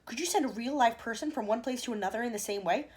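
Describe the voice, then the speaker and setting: Woman playing a brash storybook boy, excited, shouting, high voice. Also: quick pace, lightly acted. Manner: eager, shouting.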